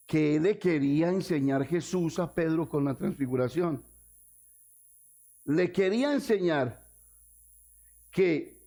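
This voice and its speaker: A male pastor preaching a sermon in a church service. He speaks emphatically, with sudden rises and drops in pitch, and puts rhetorical questions to the congregation. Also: a little mellow.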